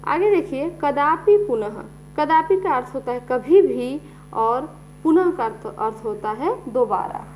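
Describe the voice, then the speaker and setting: A woman's voice: high-pitched, animated, a little slow, a little mellow, poor audio. A woman teacher explains a lesson step by step, often saying "ठीक है" as she goes. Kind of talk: slow classroom explanation. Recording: faint mains hum.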